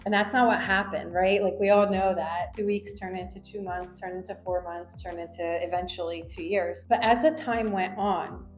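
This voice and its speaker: Her voice sits on the low side, her tone steady, and she moves at a normal speed with hardly any pauses. She is a lawyer who grew up in New Jersey, in the United States, reflecting conversationally on her personal story and using many fillers. The room echoes, and faint music can be heard.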